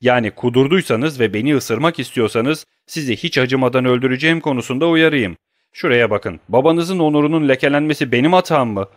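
A man's voice: medium pitch, a little fast, dry recording, studio quality, voice pushed up, lightly acted. A man voicing a frightened, indignant banker. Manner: defensive, protesting, agitated. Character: middle-aged banker, frightened yet indignant. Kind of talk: audiobook character reading.

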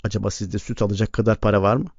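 A man reading the lines of a starving young boy who speaks in a cracked, flat monotone. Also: lowish voice, racing, creaky, breathy edge, dry recording. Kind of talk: audiobook reading. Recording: dull lo-fi recording.

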